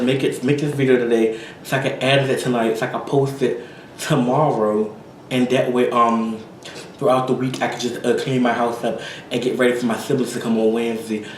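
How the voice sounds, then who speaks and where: A man's voice: medium pitch, reverberant, recorded from a distance, a little hiss or hum, rough recording. A tired young man vlogging casually, rambling and apologetic with many fillers after a big meal. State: tired, full from eating. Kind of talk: casual chat to camera.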